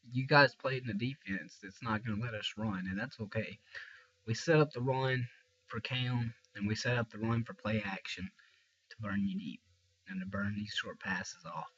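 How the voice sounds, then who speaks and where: A man's voice: fairly low pitch, fairly bright tone. A young man with a stuffy, tired voice talks frankly and ramblingly about a game in a casual fan video. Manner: rambling, frank, restarts a lot. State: congested and tired. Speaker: sports fan vlogger. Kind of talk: casual fan rant to camera. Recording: dull lo-fi recording.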